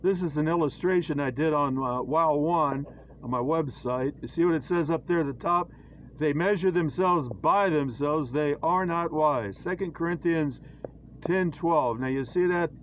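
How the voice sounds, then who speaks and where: A man with a somewhat high voice talks through his own drawings in a casual, halting way, full of fillers and restarts. His tone is preachy and wry. A faint hiss of ambient noise sits under the recording. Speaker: church critic presenting his own illustrations. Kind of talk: casual screen-share commentary.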